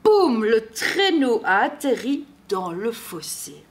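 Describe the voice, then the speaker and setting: A woman reading a children's Christmas storybook aloud in an expressive, measured way. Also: a little high.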